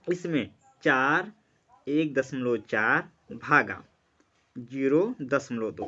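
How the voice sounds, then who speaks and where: A male math teacher with a bright, forceful, fairly high voice runs a basic lesson. He asks questions, answers them himself, and repeats key words. The recording sounds dull and lo-fi. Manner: slows down to read numbers digit by digit. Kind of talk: classroom-style math lesson.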